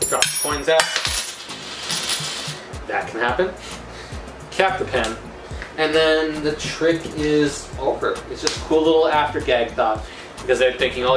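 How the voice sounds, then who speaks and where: A man's voice: medium pitch, recorded from a distance. A man giving a casual, rambling magic tutorial, thinking aloud in an informal, loose way as he explains. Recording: echoey room, off-mic, music behind.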